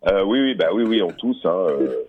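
Over a tinny phone line, a man calls into a radio show and stays in character as a game explorer, chatting hesitantly and distractedly as he comments on what he sees. His voice is low and sing-song, fairly quick, with a breathy edge.

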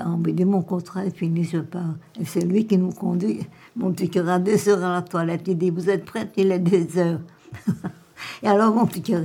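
Elderly woman resident, very husky and gravelly, rambling, affectionate chat in a care-home room. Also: fairly low pitch. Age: older. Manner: calls the listener "my little heart" constantly, rambling and tender; hums and half-sings old songs softly. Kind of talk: casual chat with a visitor.

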